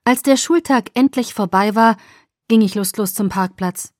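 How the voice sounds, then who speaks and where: A woman reading a first-person story aloud as an audiobook narrator, with even, measured storytelling. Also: mid-range voice, dry recording, clean studio sound.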